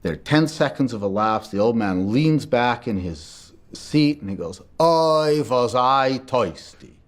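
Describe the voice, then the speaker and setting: A man being interviewed for a documentary, telling history and jokes in an animated storyteller's manner. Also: lowish voice, normal speed.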